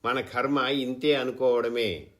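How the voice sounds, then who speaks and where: A man's voice: mid-range voice, takes it slowly, fairly bright tone. A man voicing a stubborn farmer husband who speaks with indignation and bitterness. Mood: resigned. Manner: indignant, then weary.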